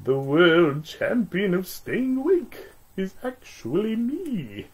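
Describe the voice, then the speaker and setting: A man's voice: high-pitched, very animated, slow, a little mellow, breathy edge, pitched above the performer's own voice, full character voice. A man voicing a boastful toy who insists he is the world champion of staying awake.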